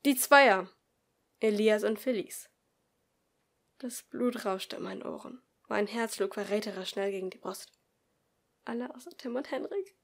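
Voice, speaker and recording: A woman reading a first-person story as an amateur audiobook, expressive, dropping to a whisper for the narrator's inner thoughts. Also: mid-range voice, normal speed, vocal fry, pauses often. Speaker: audiobook reader.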